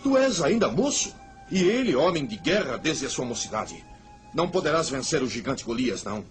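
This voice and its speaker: A man's voice: medium pitch, very animated, moderate pace, soft background music, lightly acted. An actor playing an anxious, commanding older king in a radio play, solemn and theatrical. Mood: alarmed. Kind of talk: dramatized radio play acting.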